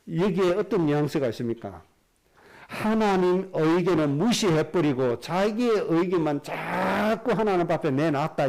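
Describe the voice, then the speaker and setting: A man preaching a Sunday sermon as a pastor, asking the congregation rhetorical questions and dropping low at the ends of phrases. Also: darkish tone, rough recording. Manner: slows down and drops low at the end of phrases.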